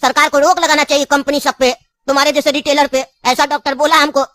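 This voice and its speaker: A woman's voice: high voice, flat delivery, fast, a bit bright, dry recording. A woman voicing a talkative, scheming old grandfather in a cartoon, telling long rambling stories. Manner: long rambling storytelling, insistent.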